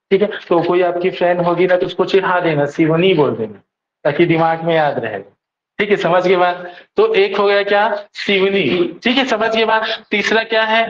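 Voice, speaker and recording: A man's voice: high-pitched, fairly bright tone, a little hiss or hum. A man teaching an exam coaching class, drilling students with memory tricks and constantly asking if they follow. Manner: repeats questions to students, keeps asking "theek hai?". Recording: echoey room, dull lo-fi sound.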